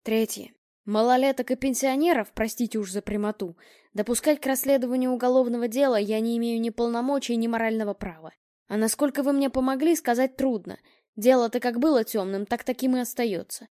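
A woman voicing a blunt male police officer who lists points in a brisk, official way. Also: a little high, fairly even intonation, dark tone, no echo, studio quality, close to an everyday voice. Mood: businesslike.

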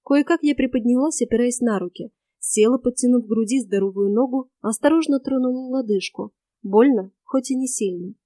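Mellow higher-pitched female storyteller. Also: fairly quick, dry recording. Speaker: audiobook narrator. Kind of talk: first-person scripted narration.

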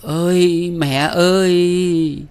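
A wailing young bride. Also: male voice, steady tone, extremely slow, darkish tone, smooth, full character voice. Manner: high wailing sobs. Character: grieving young bride Minh, tearful and desperate.

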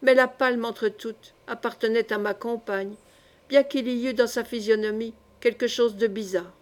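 Woman narrating an old story, measured and dramatic, kinda high voice. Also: steady tone. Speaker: audiobook reader. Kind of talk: literary narration.

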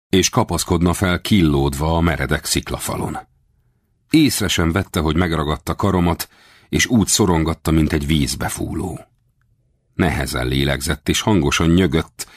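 A man narrating a novel in the first person as an audiobook, in steady, measured storytelling. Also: rumbling low, no echo, clean studio sound.

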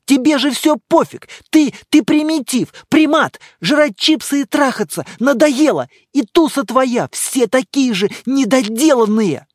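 A man voicing an angry, scornful young woman who shouts at her boyfriend as she leaves him. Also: sits high, lively intonation, normal speed, no room sound, clean studio sound. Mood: furious.

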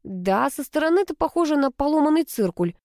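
Woman reading a deadpan young male instructor. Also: high voice, fairly quick, no echo, studio quality, pitched above the performer's own voice. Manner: cool, unflappable, mildly mocking.

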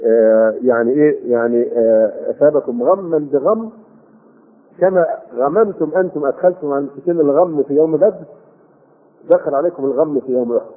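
Older Egyptian man teaching, husky phone-like sound. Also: on the high side. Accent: Egyptian Arabic. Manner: explains with rhetorical questions and many drawn-out fillers. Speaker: Quran commentary teacher. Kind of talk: classroom tafsir lesson.

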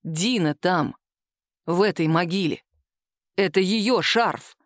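A woman's voice: on the low side, takes it slowly, dry recording. Storybook young man, stubborn and grieving, abrupt tense lines, read by a woman, dry close sound. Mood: shaken, low.

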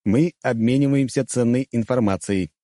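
Cocky young mage, wry and teasing, dry close sound, voiced by the reader. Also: male voice, mid-range voice, moderate pace, dark tone, dry recording, pitched above the performer's own voice, natural voice. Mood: smug. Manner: smug, wry.

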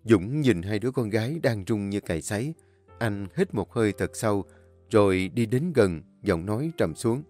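A man narrating a first-person audio story with a measured, emotional reading. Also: fairly low pitch, animated. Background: soft instrumental music.

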